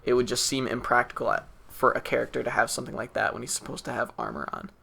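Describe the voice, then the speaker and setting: A man's voice: mid-range voice, animated, fast, creaky, sharp tone. A man co-hosting a podcast, chatting casually and enthusiastically with plenty of fillers. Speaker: podcast co-host. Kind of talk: casual chat.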